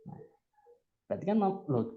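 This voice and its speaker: A man's voice: medium pitch, lively intonation, fairly quick. A man talks parents through his points in an online webinar. He asks himself rhetorical questions and often breaks off to restart a phrase. His voice sits mid-range and comes over a dull, lo-fi video call line. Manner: addresses listeners directly, frequent restarts and rhetorical questions. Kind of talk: explanatory talk to parents.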